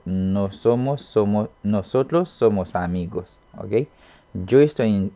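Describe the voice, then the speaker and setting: A man teaching a recorded online language lesson, patient and checking in often with the learner. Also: lowish voice. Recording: dull lo-fi sound.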